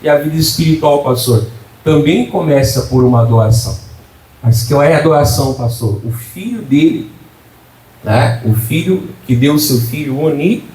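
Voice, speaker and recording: Preaching before his congregation, this man has a somewhat high, expressive, slightly mellow voice and keeps a moderate pace. He peppers the sermon with rhetorical questions, asks for "amém," and jokes with the crowd. The sound comes from a distant mic in a spacious church hall.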